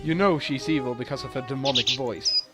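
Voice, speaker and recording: A man's voice: mid-range voice, fairly quick. A man giving casual, wry commentary as he plays a video game. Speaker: Let's Play commentator. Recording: loud game music behind the voice.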